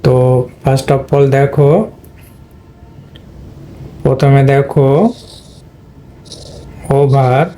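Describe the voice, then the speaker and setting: A man's voice: mid-range voice, completely flat delivery, drawn-out words, pauses often, dark tone, slight background noise. A man teaching English pronunciation in an explanatory lesson, repeating points and talking straight to his students. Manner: repeats and addresses students directly.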